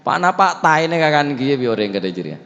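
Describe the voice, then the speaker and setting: A man giving a sermon on a religious text, mixing Madurese and Javanese words into Indonesian and reciting Arabic verses, swinging between loud high exclamations and quiet low asides. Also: sing-song, a little fast, gravelly. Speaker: preacher teaching a religious text. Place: prayer room. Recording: dull livestream audio with long reverb.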